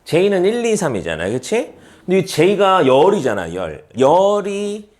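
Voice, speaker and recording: A male math teacher lecturing with a lively, swooping voice that rides a little above the usual male range. He hammers key terms through repetition, fires rhetorical questions and answers them himself, and ribs students who skipped the first class. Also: high voice, slow pace.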